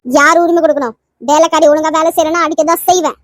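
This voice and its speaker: A woman's voice: sits high, fairly even intonation, fast, no echo, clean studio sound, pitched below the performer's own voice, lightly acted. A woman voicing an arrogant middle-aged aunt in a cartoon, talking in a scornful, scolding way.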